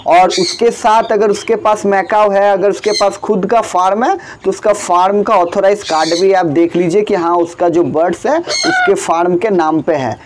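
A young man in his twenties talks through a casual vlog in a small indoor room, his voice sitting fairly high. He chats on and on, calling his viewers friend again and again. A faint hum of room noise sits behind him. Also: normal speed, few pauses. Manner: chatty, repeatedly addresses viewers as friend. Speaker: bird farm owner.

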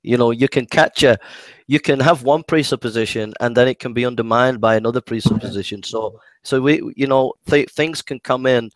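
A man's voice: medium pitch, fairly quick, dry recording. A man in a casual debate who talks hesitantly, stumbling over restarts and repeating his words.

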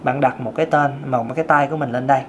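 A man's voice: mid-range voice, steady tone, fast. Man, thin light tenor voice, casual singing lesson, faint noise behind. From Vietnam. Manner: chatty, self-joking, sings scales in demonstration. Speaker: singing teacher.

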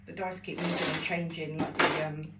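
A woman speaks casually off to the side, offering practical tips and encouragement. She is far from the mic in a roomy home kitchen. Loud clatter of pots and dishes fills the background. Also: sits low, level tone, moderate pace. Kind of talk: casual family chat. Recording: echoey room, distant mic, loud kitchen noise.

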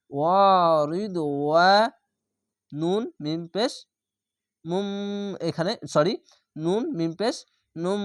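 A man teaching Quran reading, spelling each word letter by letter and vowel by vowel, then reciting the whole word in a slow, drawn-out way. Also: high-pitched, no echo, studio quality.

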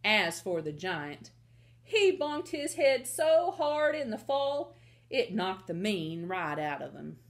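Slow, expressive woman reading aloud. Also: medium pitch. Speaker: storytime reader. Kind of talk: children's read-aloud.

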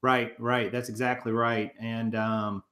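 A man's voice: medium pitch, little pitch movement, a little slow, a bit bright. Rambling man chatting on a couch. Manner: rambling, many fillers and restarts. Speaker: co-host of a reselling channel. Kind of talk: casual chat over photos. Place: living room, on a couch.

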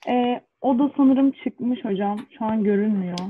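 A woman's voice: fairly high pitch, normal speed, a little hiss or hum. A woman moderating an online seminar, talking casually to organise participants. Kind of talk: casual procedural talk. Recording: narrow phone-like call audio.

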